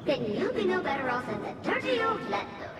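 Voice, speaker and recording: A woman voicing a cheerful, girlish house-spirit child in a video game, in a high, sing-song voice. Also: sing-song, brisk, reverberant, big-room sound, far from the mic, loud music behind the voice, heavily acted. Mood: scolding.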